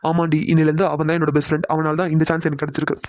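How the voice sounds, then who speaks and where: A woman's voice: deep voice, little pitch movement, rapid-fire, darkish tone, no echo, lightly acted. A woman doing a teasing young male boss. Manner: playful, teasing, bossy. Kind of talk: cartoon voice acting.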